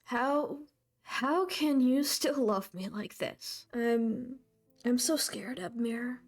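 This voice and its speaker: A frightened young man speaks through his tears, stammering and drifting into whispers, as a woman voices him. His voice sits a little high and moves slowly. He sounds weary. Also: a little mellow. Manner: halting, stammering, breaking into whispers.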